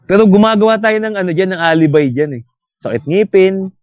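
A man's voice: sits high, expressive, a little fast, darkish tone, no echo, soft background music. Easygoing man asking chatty questions. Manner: easygoing, asks prompting questions. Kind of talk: casual chat.

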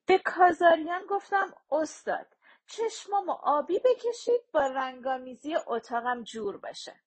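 A woman's voice: high-pitched, animated, pitched above the performer's own voice. A woman voicing a bossy, doting, vain elderly grandmother in an audiobook, giving orders and fussing over her grandchild. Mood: coquettish.

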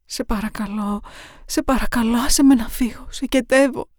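A woman's voice: fairly high pitch, a little mellow, no echo, studio quality, voice pushed up, natural voice. A woman narrator voicing a terrified chained woman who frantically begs for her life in a storybook horror reading. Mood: terrified pleading. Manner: frantic, pleading, rising to near-screams.

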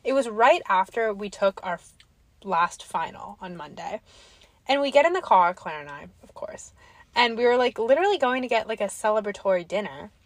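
A woman's voice: mid-range voice, expressive, moderate pace, no echo. A young woman co-hosting a casual podcast, talking in long rambling runs full of "like", her voice a little worn. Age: young adult. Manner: rambling, filler-heavy, lots of "like". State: slightly losing her voice. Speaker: podcast co-host. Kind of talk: casual chat. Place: quiet street.

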